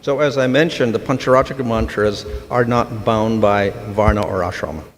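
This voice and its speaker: A man giving a scripture lecture in a measured way, pausing between phrases. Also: lowish voice. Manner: measured, with short pauses. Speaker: spiritual teacher. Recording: reverberant hall with faint noise.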